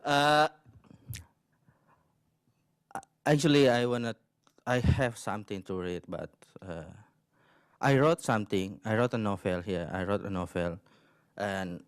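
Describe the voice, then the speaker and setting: A man's voice: lowish voice, a little slow, long pauses, clean tone, no room sound, clean studio sound. A man in his twenties from Indonesia, a native Indonesian speaker, chatting loosely at an open mic in a library meeting room. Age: 20s. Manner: chatty with restarts and laughs. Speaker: visiting writer. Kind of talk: casual open-mic remarks.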